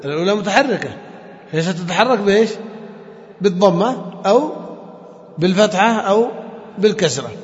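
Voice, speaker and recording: High-voiced man teaching a class. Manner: questions the students and repeats key terms. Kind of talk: classroom lesson on Arabic morphology. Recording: lo-fi echoey classroom recording.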